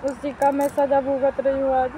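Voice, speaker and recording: A woman's voice: sits high, completely flat delivery, moderate pace, noisy background. A middle-aged woman talking to her viewers in a home vlog, plaintive and complaining, often going back over the same points. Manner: plaintive, complaining, repeats herself. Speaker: vlogger. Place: at home by a wood stove, outdoors.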